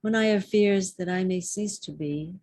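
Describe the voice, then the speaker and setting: A woman giving a poetry reading at a public library, reciting in a measured, deliberate way. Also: medium pitch, darkish tone, no echo. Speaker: poetry reader.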